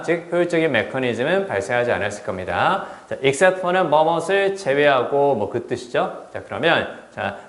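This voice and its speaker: A man teaching a test prep English class, explaining step by step and asking rhetorical check questions. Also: mid-range voice. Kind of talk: classroom lecture. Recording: roomy classroom echo.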